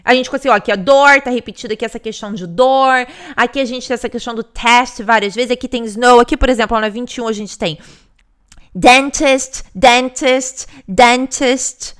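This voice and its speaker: Brazilian woman teacher, fairly high and bright, clear delivery, patient explainer who keeps checking in with the viewer. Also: moderate pace. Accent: Brazilian Portuguese. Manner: explanatory, repeats points, many "né" and "tá". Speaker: English test teacher. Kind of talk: recorded lesson explanation.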